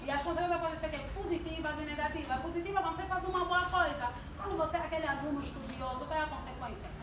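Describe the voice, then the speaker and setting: A high-voiced young woman in her twenties, a church youth speaker, races through a sermon-style talk, questioning the congregation and drawing out their responses. She's picked up by a distant mic in an echoey hall with background noise.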